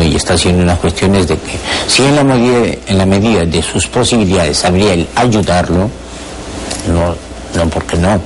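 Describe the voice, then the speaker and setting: With a little hiss or hum in the recording, a low-voiced middle-aged man with a Peruvian Spanish accent, once a lawyer, answers questions as a TV studio interview guest. He speaks haltingly, leaning on fillers and repeating words.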